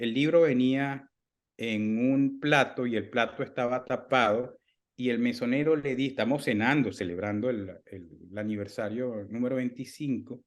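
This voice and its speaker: A man in his fifties with a Venezuelan accent, a guest author talking casually in an interview from home over a video call, animated and acting out remembered dialogue. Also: mid-range voice.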